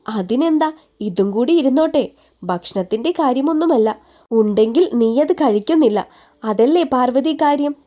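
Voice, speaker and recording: A woman's voice: high-pitched, lively intonation, moderate pace, warm tone. A woman voicing a young male doctor who teases and looks out for a young woman, bantering with his mother. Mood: teasing, concerned. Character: young man, a doctor, teasing and protective.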